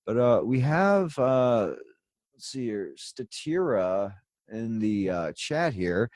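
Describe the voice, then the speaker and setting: A man's voice: mid-range voice, sing-song, takes it slowly, a little mellow, dry recording, studio quality. A man hosting a live show in casual chat, rambling along with easygoing asides. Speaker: host.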